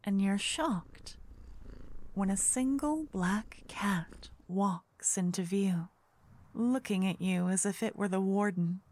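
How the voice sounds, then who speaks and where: In a hushed ASMR style, a woman with a medium-pitched voice narrates a scripted fantasy story in the second person, keeping it measured and suspenseful.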